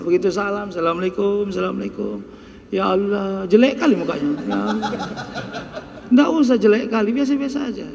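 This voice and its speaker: A man's voice: sits high, creaky, muffled recording. A man giving a dawn sermon in a mosque, telling stories, acting out dialogue and teasing the congregation in colloquial asides. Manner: storytelling, acts out students and worshippers in dialogue. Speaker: preacher. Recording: long reverb of a mosque hall.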